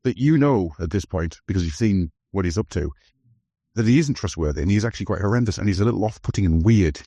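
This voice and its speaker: Male podcast host, warm low voice, casual film chat, dry mic. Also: lively intonation, quick pace, no echo. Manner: enthusiastic, talks over film scenes.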